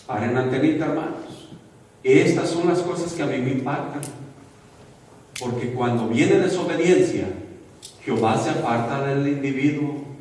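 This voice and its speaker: A man's voice: medium pitch, moderate pace, darkish tone. A man preaching a sermon in an informal, conversational way, asking the congregation questions and correcting himself as he goes. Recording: echoey hall from far off.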